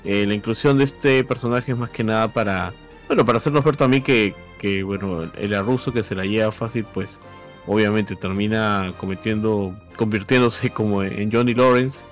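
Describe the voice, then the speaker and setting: A man with a lowish voice talks in a casual chat. He hesitates often and pauses with fillers. Faint music plays behind him. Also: steady tone.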